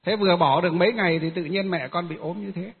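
A Buddhist monk telling a long story in a rambling, halting way, with many filler pauses. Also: male voice, sits high, gravelly, slightly rough. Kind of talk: storytelling Dharma talk. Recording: tinny phone-like sound with long reverb.

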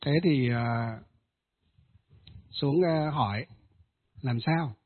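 A man, a Buddhist ritual master, tells a ghost story in a hesitant way, with many filler pauses. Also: medium pitch. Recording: tinny phone-like audio.

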